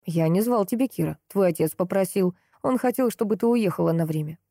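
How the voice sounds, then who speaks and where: A woman voicing a stern, wealthy older man who talks gruffly and later wheezes for air. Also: mid-range voice, fairly quick, mellow, no room sound, studio quality. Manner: gruff, then wheezing and gasping.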